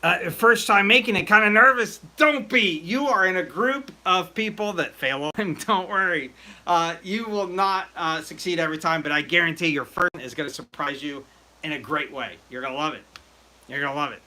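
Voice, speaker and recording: A man hosting a casual live stream about brewing mead, excitable and rambling as he chats with viewers. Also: on the high side, normal speed. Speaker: livestream host.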